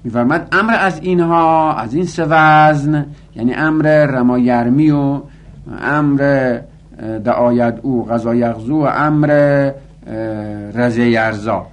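A man teaching a lesson, explaining grammar step by step and reciting word forms in rhythmic, chanted lists. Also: mid-range voice. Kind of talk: recorded lesson on Arabic grammar.

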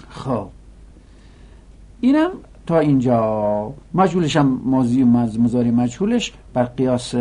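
A male teacher giving a lecture, chanting lists of word forms in a rising sing-song and dropping to a low murmur to explain. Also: creaky, mellow, slightly rough. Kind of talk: classroom lecture.

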